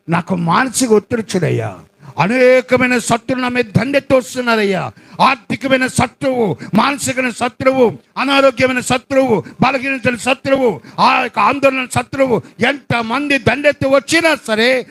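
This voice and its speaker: A preacher acting out a desperate man begging God for help, his voice gravelly and swinging widely in pitch. He cries out the same pleas again and again. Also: fairly bright tone, heavily acted. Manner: pleading, repetitive.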